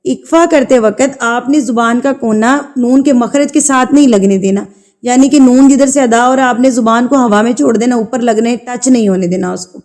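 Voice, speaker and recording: A woman teaching Quran recitation, chanting verses slowly and drawn out, then explaining the rules quickly and patiently, repeating key terms. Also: on the high side, darkish tone. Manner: patient instructional tone, repeats rule names. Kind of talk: tajweed lesson, slow drawn-out recitation with quick explanations in between.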